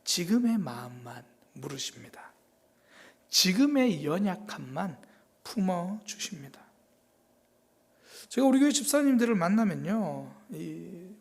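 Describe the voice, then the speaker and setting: A man preaching a quiet, contemplative sermon with a pitch that rises and falls freely. He lowers his voice to a breathy whisper at key moments and draws out important words slowly. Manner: gentle, reflective preaching that often drops to a breathy near-whisper; slow, drawn-out emphasis on key words. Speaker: pastor.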